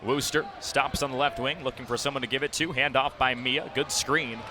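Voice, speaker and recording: A young man calls basketball play-by-play for radio in a mid-range, steady voice, talking fairly quickly in clipped phrases and punching out the big plays. It's a noisy live broadcast from an indoor arena, with crowd noise and a bouncing ball behind him.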